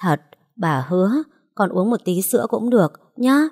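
A woman's voice: mid-range voice, lively intonation, normal speed, darkish tone, husky. A woman voicing a frantic, tearful old grandmother who pleads and coaxes. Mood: coaxing.

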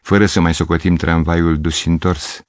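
A man's voice: deep voice, little pitch movement, dry recording, clean studio sound, close to an everyday voice. A man voicing a fussy, absent-minded piano teacher. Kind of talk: audiobook reading.

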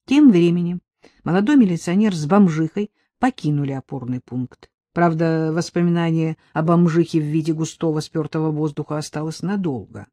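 Woman narrating an audiobook, dry low voice. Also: normal speed, dark tone, no room sound. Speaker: audiobook reader. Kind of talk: scripted narration.

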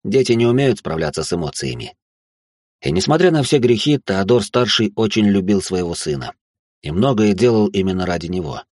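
A man's voice: fairly low pitch, lively intonation, fairly quick, darkish tone, dry recording, clean studio sound. A man narrating an audiobook in a casual, slangy storytelling manner.

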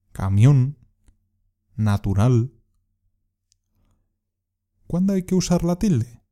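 A man giving a scripted pronunciation lesson, speaking in measured phrases and pausing so learners can repeat. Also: medium pitch, mellow. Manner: measured, pauses for repetition. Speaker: Spanish teacher.

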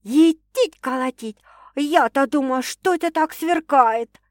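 A woman's voice: on the low side, lively intonation, unhurried, fairly bright tone, no room sound, studio quality. A woman voicing a blunt, skeptical older sister who talks in brash slang in an audiobook. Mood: joking.

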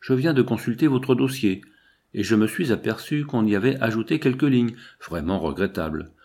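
A man's voice: medium pitch, animated, normal speed, a little mellow. A man voicing a kindly prison pastor who speaks in a fatherly, lamenting way. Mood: sorrowful.

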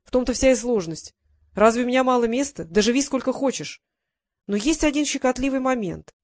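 A woman's voice: a little high, expressive, fairly quick, a little mellow, no room sound, natural voice. A woman reading as a firm elderly duchess. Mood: commanding. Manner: firm and commanding, decisive. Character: domineering elderly aunt, a duchess. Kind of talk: audiobook character reading.

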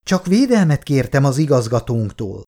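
An indignant office woman speaks coldly and snaps back in anger, as a male reader puts her on. The voice sits a little higher than his own, with a gravelly edge and lively rises. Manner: cold and furious. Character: indignant, cold female office worker.

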